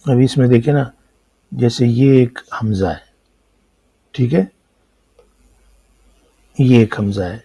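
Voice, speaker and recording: A man's voice: medium pitch, creaky, pauses often, dark tone, husky, dry recording, low-quality recording. A man with a Pakistani Urdu accent teaching an Arabic lesson, explaining patiently and asking and answering his own questions. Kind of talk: classroom lecture explaining script.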